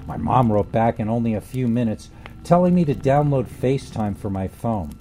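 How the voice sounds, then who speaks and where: A man narrating a first-person horror story in a slow, grave, deliberate way. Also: medium pitch, warm tone, slight background noise.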